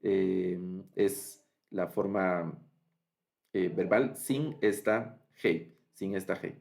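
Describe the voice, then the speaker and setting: A man teaching a recorded online lesson, speaking slowly, repeating word forms and pausing with fillers. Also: deep voice, vocal fry, a little mellow. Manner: slow and repetitive, spells out forms with many fillers. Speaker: biblical Hebrew teacher.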